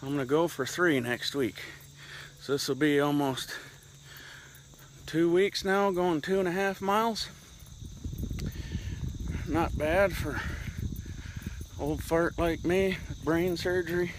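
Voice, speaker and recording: A middle-aged male vlogger with a somewhat high, steady voice rambles reflectively while walking outdoors, slightly winded from heading uphill. He talks slowly with long pauses, and the poor-quality audio carries a faint hiss or hum.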